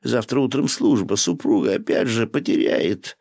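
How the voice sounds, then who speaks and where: A man's voice: on the low side, lively intonation, normal speed, vocal fry, darkish tone, dry recording, clean studio sound, voice pushed up. A man voicing a timid, pleading village priest who wails and laments, in a storybook reading. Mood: plaintive. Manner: wailing, plaintive pleading.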